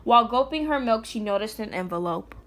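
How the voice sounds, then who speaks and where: Seated on the floor indoors, a vlogging mother reads a picture book aloud to a small child in a casual, chatty way. Her voice is a little high, expressive and a bit bright, and she reads briskly. Slight background noise is audible.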